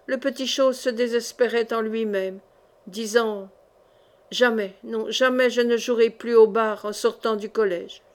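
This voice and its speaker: Une femme qui lit un roman à voix haute, d'une lecture lente et mesurée. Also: female voice, on the high side, darkish tone. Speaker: audiobook reader. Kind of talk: scripted narration of a novel.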